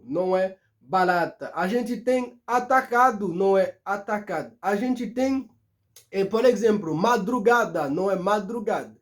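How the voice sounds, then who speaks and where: A Haitian man whose first language is Haitian Creole, teaching in a casual video lesson, switching between Creole, French and Portuguese and repeating words slowly so learners can follow. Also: high-pitched, darkish tone.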